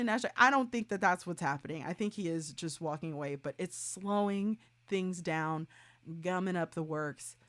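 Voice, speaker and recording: A woman hosting her own solo podcast, chatting in an animated way with quick rants and restarts. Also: fairly low pitch. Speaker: podcast host.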